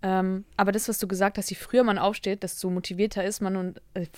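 A woman in a casual podcast chat, talking in a relaxed, casual way. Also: medium pitch, fast, no echo.

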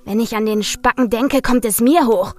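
A woman doing a loud, jeering hulk of a man. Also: a little high, moderate pace, faint music behind, natural voice. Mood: bellowing. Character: brutish, mocking hulking young man.

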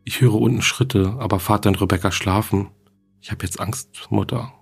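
A man's voice: lowish voice, fairly even intonation, moderate pace, vocal fry, slightly rough, faint music behind. A man reading the diary entries of a frightened young schoolgirl who writes to her dead mother.

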